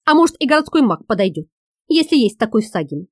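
A woman narrating an audiobook in a lively, expressive reading. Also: on the high side, fast, dry recording, clean studio sound.

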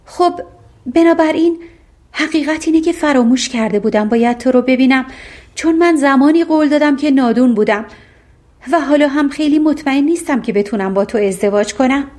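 A sharp-witted young princess speaks frankly and presses with questions, as a woman narrator puts her on. Her voice is high and bright. It comes from a storybook audiobook. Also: natural voice.

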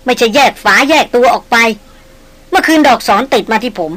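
A woman voicing a calm, stern hunter guide. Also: on the high side, brisk, close to an everyday voice.

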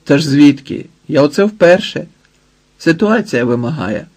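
A man's voice: a little high, animated, unhurried, a little mellow. A man voicing a bold, cocky young giant of a man who bargains coolly and brashly, in an audiobook. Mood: pushing. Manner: brash, cool-headed bargaining.

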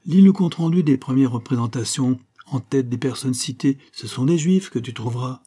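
A man's voice: mid-range voice, fairly quick, dark tone, breathy edge, close to an everyday voice. A man voicing a patient, reasonable middle-aged father. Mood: reasoning. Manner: reasonable, patient, lightly teasing. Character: middle-aged male industrialist and deputy, conciliatory.

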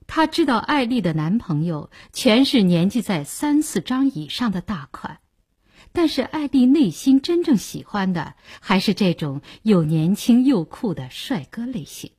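Woman audiobook narrator, measured, expressive, husky, lively intonation. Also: mid-range voice.

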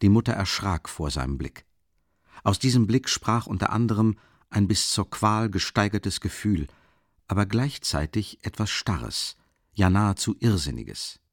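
A man narrating a classic novel as an audiobook, measured and dramatic. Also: on the low side, no echo, studio quality. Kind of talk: scripted literary narration.

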